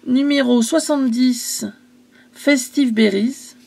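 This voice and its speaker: A woman's voice: sits high, takes it slowly, vocal fry, darkish tone. A woman casually selling her craft supplies in a vlog, chatty and hesitant, stumbling over English product names.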